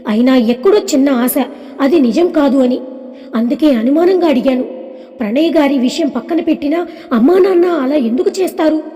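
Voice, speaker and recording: A woman's voice: high-pitched, dark tone, in a large hall, natural voice. A woman voicing a heartbroken, tearful young woman.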